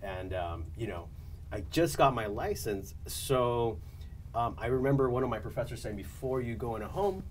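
A man, a real estate agent, telling an anecdote on a studio panel show, lively and laughing as he acts out the people in it. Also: medium pitch, normal speed, distant mic, slight background noise. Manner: animated storyteller, laughs often, acts out quotes.

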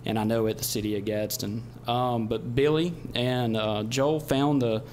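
A middle-aged man giving a measured, explanatory report at a podium microphone in a meeting chamber. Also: medium pitch, fairly even intonation, a little mellow. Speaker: utility general manager. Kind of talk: semi-formal spoken report at a public meeting. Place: indoor council chamber. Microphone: podium gooseneck microphone. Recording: background noise, room ambience.

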